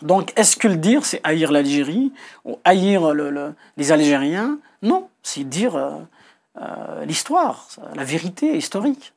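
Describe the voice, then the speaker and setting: At a measured pace, a middle-aged Kabyle man from Algeria sets out his views as an author in a TV interview from an indoor studio. His voice sits on the high side and sounds a little mellow and sing-song. He repeats words hesitantly and presses on key points.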